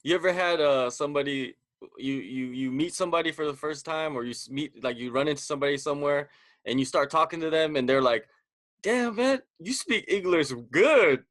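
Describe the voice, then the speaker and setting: A man's voice: on the high side, a little fast, a bit bright, no room sound. A man from the US West Coast hosting a podcast interview. He talks casually, filling his sentences with "like" and "you know.". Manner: conversational, filler-heavy with frequent "like". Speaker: podcast host.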